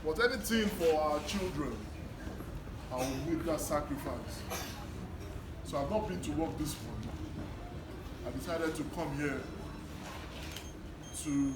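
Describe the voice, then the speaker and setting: Echoey, higher-voiced Nigerian man addressing schoolchildren. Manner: deliberate, with short phrases and emphatic repetition. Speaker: guest speaker, education worker. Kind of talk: motivational talk to schoolchildren. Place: echoey room at a live children's event. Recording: distant mic, echoey noisy room. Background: noise, small children.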